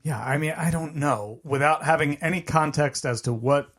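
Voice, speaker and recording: A man's voice: fairly high pitch, moderate pace, fairly bright tone. A man co-hosting a podcast, answering in a laid-back, dry way with short replies and some hedging. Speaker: podcast co-host. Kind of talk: casual chat.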